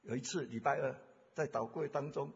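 A male preacher giving a sermon, fervent, moving from hushed storytelling to loud exhortation. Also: medium pitch, a little fast, creaky, slightly rough. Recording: dull sound with long hall reverb.

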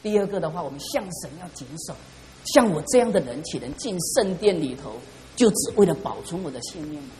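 A man's voice: fairly high pitch, animated, quick pace, mellow. A middle-aged man preaching a sermon as pastor, fervent and calling out to the congregation for responses. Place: church hall. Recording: reverberant church hall.

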